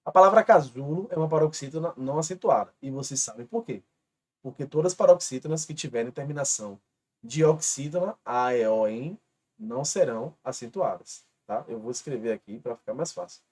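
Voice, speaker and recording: A man's voice: mid-range voice, lively intonation, fairly quick, a little mellow. A man with a Brazilian Portuguese accent teaching an online grammar lesson, patiently spelling out rules step by step. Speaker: exam-prep teacher.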